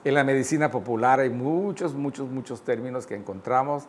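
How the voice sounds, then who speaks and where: A man's voice: medium pitch, a little hiss or hum. Yucatecan man lecturing with "¿no?" tags. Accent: Yucatecan Spanish. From Yucatán, Mexico. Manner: measured, with frequent "eh" fillers and "¿no?" tags. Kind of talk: online lecture.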